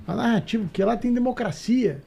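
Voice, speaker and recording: Brazilian male panelist, raspy and gravelly, sarcastic debate delivery. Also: very high voice, a little fast, warm tone. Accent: Brazilian Portuguese. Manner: sarcastic, mocking voices of others. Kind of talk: political debate talk.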